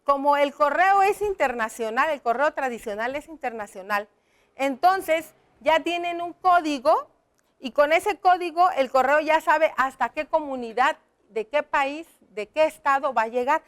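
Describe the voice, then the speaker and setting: A woman, teaching children slowly and step by step, often checking in with them. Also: high-pitched. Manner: slow, explaining step by step, addressing children. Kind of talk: classroom lesson.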